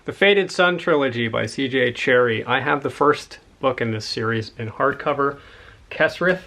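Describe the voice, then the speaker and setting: A man's voice: mid-range voice, moderate pace, pushed and bright. A man in a casual, rambling chat about books he has found, enthusiastic and a little out of breath. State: slightly out of breath. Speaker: book collector showing a haul.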